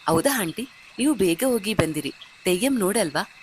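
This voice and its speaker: A woman's voice: mid-range voice, expressive, moderate pace, background noise, lightly acted. A woman voicing a cautious older sister, Ananya. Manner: quiet, cautious. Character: anxious young woman, elder sister.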